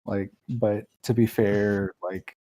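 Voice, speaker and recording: A man's voice: fairly low pitch, flat delivery, slow pace, warm tone, poor audio. A man commentating a game race in casual chat, rambling with many restarts and fillers.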